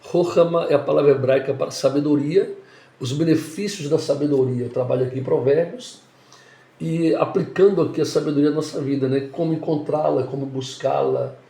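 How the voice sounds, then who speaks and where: Calm pastor in his fifties, mellow voice, echoey room. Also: fairly high pitch, gravelly. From Salvador, Bahia, Brazil. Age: 50s. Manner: measured, calm explanation. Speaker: pastor and author. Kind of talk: guest interview.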